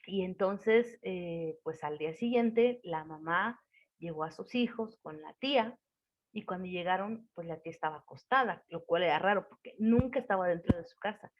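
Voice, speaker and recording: A woman casual storyteller, chatty and unhurried, dull lo-fi sound. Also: fairly low pitch. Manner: conversational, many fillers, voices quoted characters. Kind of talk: casual spoken folk tale. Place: lives in Tlaxcala. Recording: dull lo-fi recording.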